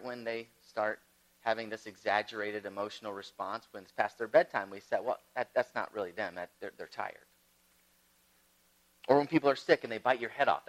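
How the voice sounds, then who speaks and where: A man delivering a sermon, his voice riding up and down with lively pitch. He tells stories with big swings between loud, emphatic bursts and hushed, low asides. His voice sits a little higher than most men's. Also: rough recording. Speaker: pastor.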